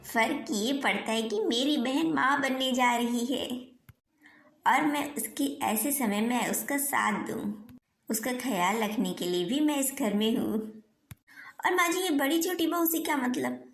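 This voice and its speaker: A woman's voice: high-pitched, expressive, a little slow, soft background music. Young cartoon daughter-in-law, firm and reasonable, voiced by a woman, roomy echo.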